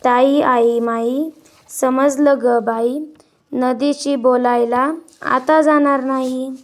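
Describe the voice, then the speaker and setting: A woman's voice: high voice, steady tone, slow. A woman reading as a mischievous little schoolgirl. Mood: sheepish.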